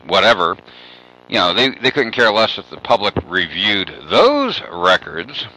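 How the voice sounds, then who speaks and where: Male radio guest, lowish bright voice, meandering storyteller with constant fillers. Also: low-quality recording. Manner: rambling, many "you know" fillers. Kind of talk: radio talk show interview.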